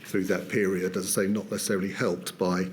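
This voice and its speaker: A British man gives formal testimony at a public inquiry, speaking in a lowish, fairly flat voice. He hesitates often and fills his answers with ums and restarts. Faint room noise sits behind him. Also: brisk. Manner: hesitant, many fillers and restarts.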